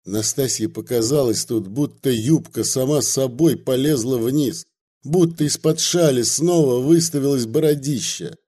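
A man narrating a story aloud with a lively, expressive reading. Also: mid-range voice, unhurried.

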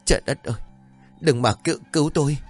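A man's voice: quick pace, faint music behind, lightly acted. A male storyteller voicing a frightened young wife haunted by visions, trembling and pleading in a raised voice. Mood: terrified. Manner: trembling, pleading, higher put-on voice.

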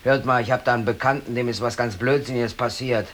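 In a radio drama, an actor voices a bitter, rueful working man in his thirties, aggrieved and defiant, a hobby photographer held in police custody, brooding to himself in colloquial speech. His natural, mid-range voice is fast, fairly even and fairly bright, with a little hiss or hum.

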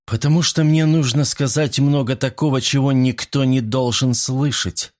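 A man voicing a cold, scheming young woman who speaks in a deliberate, icy way, in a storybook reading. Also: mid-range voice, steady tone, a little mellow, pitched above the performer's own voice, lightly acted. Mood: icy, calculating.

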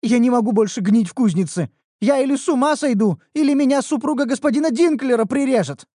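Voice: mid-range voice, fast, warm tone, dry recording, studio quality, voice pushed up, natural voice. A narrator voicing a whiny young female red elf apprentice who complains and pleads dramatically in an audiobook. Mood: pleading. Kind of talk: audiobook character voice.

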